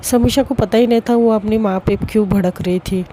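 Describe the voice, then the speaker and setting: Brief: young female storyteller, slow deliberate narration, mellow dark tone, faint noise behind. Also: medium pitch, steady tone. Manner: slow, deliberate, with frequent restarts.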